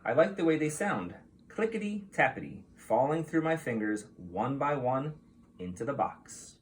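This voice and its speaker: A teacher reads a picture book aloud to young children, his medium-pitched voice swooping with lively intonation. He's unhurried and expressive, explaining things and asking the kids questions, over a little hiss or hum.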